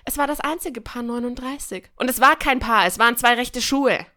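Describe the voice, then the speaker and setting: This podcast host talks fairly quickly in a voice on the high side. She tells personal stories in a casual, joking way, chatty, colloquial and expressive throughout.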